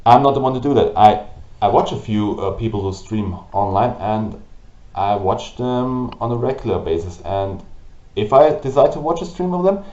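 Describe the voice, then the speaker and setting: A native German speaker with a German accent hosts a gaming channel and delivers a slow, halting, frustrated rant to camera, full of restarts and pauses. His voice is lowish, animated and darkish in tone, captured in roomy, dull lo-fi audio.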